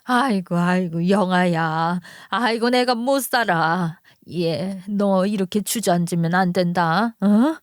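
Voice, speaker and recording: A woman's voice: on the low side, takes it slowly, few pauses, dry recording, studio quality. A woman doing a wailing elderly mother-in-law. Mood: wailing scolding. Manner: lamenting, scolding her son.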